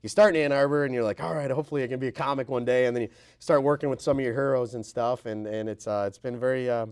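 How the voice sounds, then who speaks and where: A man's voice: medium pitch, fairly even intonation, fast talker, a little mellow, clear, resonant tone. A man who does stand-up comedy, chatting easily as a talk show guest about his career. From Michigan. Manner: easygoing, self-deprecating, many "uh"s. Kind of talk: stand-up set then casual interview.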